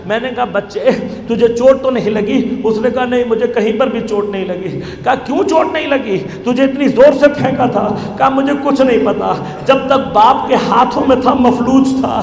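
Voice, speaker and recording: A man's voice: extremely high pitch, hardly any pauses. A male preacher giving a religious sermon, telling a story and building to impassioned, wailing appeals. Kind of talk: Shia majlis sermon. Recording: echoey hall recording, faint background noise.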